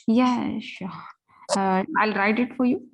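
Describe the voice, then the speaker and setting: A woman, a student in an online class, answering shyly with soft laughs. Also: mid-range voice, steady tone, slow pace, vocal fry.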